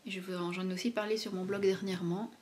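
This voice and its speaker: A woman's voice: medium pitch, level tone, quick pace, a little mellow, a little hiss or hum. A young woman, chatting casually about her favorite products as a beauty vlogger, hesitant and full of fillers. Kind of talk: casual product review chat.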